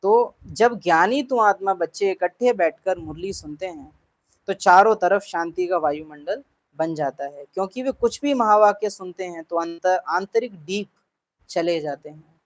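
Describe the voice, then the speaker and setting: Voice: medium pitch, normal speed, low-quality recording. A spiritual teacher giving a class talk in an earnest way, repeating points for emphasis and putting questions to the listeners.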